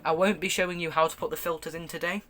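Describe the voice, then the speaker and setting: A man's voice: fairly high pitch, fairly even intonation, fast talker, background noise. A man giving a casual, hands-on product review, speaking in a stop-start, hesitant way with repeated words. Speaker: gas mask reviewer. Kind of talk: casual product review, showing items to camera.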